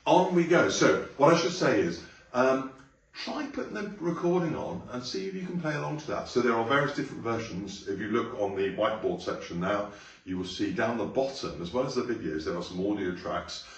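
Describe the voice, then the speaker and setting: A man teaching a song to a class, explaining phrases and then singing them slowly. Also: animated, distant mic. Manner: encouraging, sings lines slowly and high, then explains. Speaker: music teacher. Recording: very roomy, from away from the mic.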